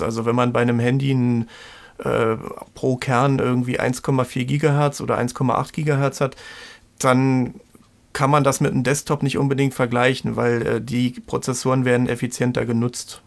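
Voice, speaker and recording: A man in a casual technical discussion, explaining details in a measured way. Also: mid-range voice, little pitch movement, creaky.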